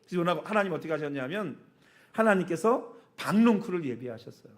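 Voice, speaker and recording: A woman's voice: on the low side, lively intonation, fast, a little mellow. A woman pastor delivering a sermon as vivid storytelling. She uses sound words, asks the congregation questions and often laughs as she speaks. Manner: laughs often while preaching.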